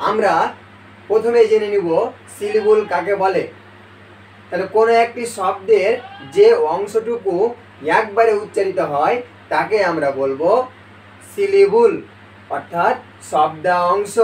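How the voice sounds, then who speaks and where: Man, high voice, patient video teacher; recorded far off in an echoey room. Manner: addresses viewers as dear viewers and friends; slow, deliberate explanation with pauses. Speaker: English teacher. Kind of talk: video lesson. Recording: echoey room, far from the mic, faint noise.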